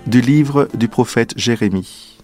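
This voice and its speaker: A man leading a guided prayer in a calm, measured liturgical manner, introducing the reading. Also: medium pitch, music in the background. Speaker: prayer leader.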